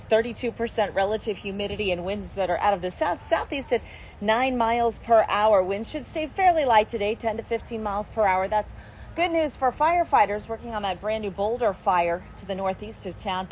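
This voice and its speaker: A woman TV weather forecaster giving an upbeat, brisk live report from an outdoor patio garden. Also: on the high side, slight background noise. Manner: upbeat, brisk broadcast delivery.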